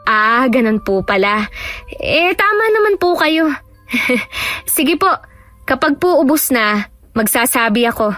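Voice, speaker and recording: Woman voicing a timid young patient, high-pitched. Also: lively intonation, unhurried, fairly bright tone, no room sound. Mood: polite. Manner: polite, hesitant, stammering. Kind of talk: audio drama acting.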